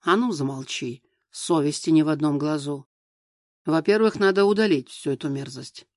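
A man's voice: fairly high pitch, no room sound, studio quality, close to an everyday voice. A man voicing a harsh scolding mother-in-law. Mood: berating. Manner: harsh, reproachful, slow and emphatic. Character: domineering, scolding middle-aged mother-in-law.

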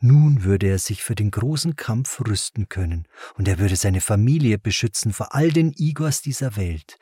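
A man reading a novel aloud as narrator, in a measured and dramatic storytelling voice. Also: on the low side, animated, warm tone, husky, no room sound, studio quality. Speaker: audiobook narrator. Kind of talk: scripted narration.

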